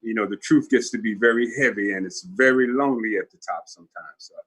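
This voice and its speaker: Husky older man telling his story. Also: fairly low pitch, a bit bright, rough recording. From Newark, New Jersey. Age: 70s. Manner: reflective, candid storytelling with pauses. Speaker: invited guest speaker. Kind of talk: personal testimony at a virtual town hall.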